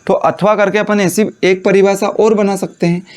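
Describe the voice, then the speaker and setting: A man teaching a Hindi lesson. He asks his students questions and answers them himself, and he repeats phrases slowly so they can copy notes. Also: high voice, flat delivery, a little mellow. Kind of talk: classroom lecture dictating notes.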